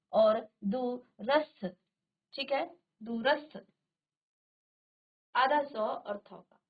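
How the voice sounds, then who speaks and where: Woman teacher, middle-aged, slow and repetitive classroom delivery, muffled studio recording. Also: a little high, breathy edge. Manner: slow, repeats each word and asks the class. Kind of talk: classroom lesson.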